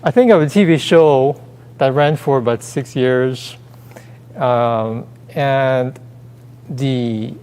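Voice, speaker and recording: Halting man in a reverberant theater. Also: medium pitch, a little mellow, smooth. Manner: hesitant, many fillers and restarts. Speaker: co-host. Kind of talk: casual talk-show chat. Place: theater stage. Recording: long reverb of a theater hall.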